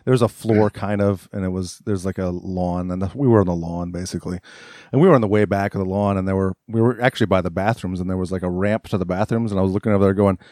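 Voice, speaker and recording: A middle-aged man hosting a podcast in casual chat, relaxed and rambling, laughing often. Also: sits low, quick pace, dry recording, studio quality. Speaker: podcast host.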